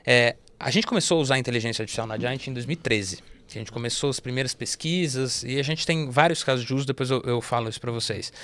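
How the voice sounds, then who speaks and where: A man's voice: mid-range voice, quick pace, few pauses. A man from Brazil, a guest at an investment firm, talking through ideas in a casual podcast interview with lots of fillers and restarts. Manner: animated, explanatory, many fillers and restarts.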